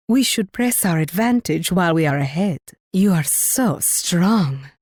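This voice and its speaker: An actress playing a proud, flirtatious Spanish warrior queen in a video game, with a regal, teasing and measured delivery. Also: on the low side, darkish tone, no echo, clean studio sound. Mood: haughty, goading.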